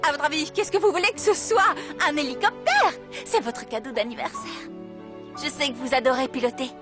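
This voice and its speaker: An actress playing an excitable, theatrical young woman in a dubbed telenovela, gushing as she talks. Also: sits high, a little fast, over music, lightly acted. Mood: excited, giddy.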